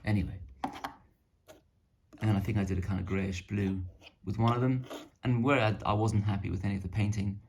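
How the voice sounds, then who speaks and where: A man's voice: fairly low pitch, steady tone, normal speed, gravelly, a little mellow. A man casually showing off his painted miniatures, rambling and self-deprecating. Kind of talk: casual hobby show-and-tell.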